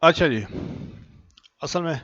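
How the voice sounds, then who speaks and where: A man, teaching accounting in a slow lecture while writing, his throat and chest sore and coughing now and then. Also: a little high, a bit bright, highs cut off. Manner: speaks deliberately slowly, dictating as he writes.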